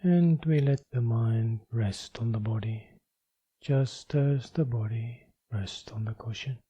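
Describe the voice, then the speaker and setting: A man leading a guided meditation as a teacher, speaking calmly and in measured short phrases with long pauses. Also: mid-range voice, husky, dry recording, dull audio.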